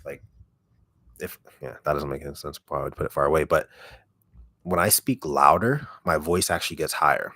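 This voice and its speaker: A man with a deep, raspy voice chatting casually on a livestream, relaxed and rambling, speaking very close to the microphone. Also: fast, dry recording. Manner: relaxed, rambling, heavy use of "like". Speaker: ASMR content creator on a livestream. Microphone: microphone held very close.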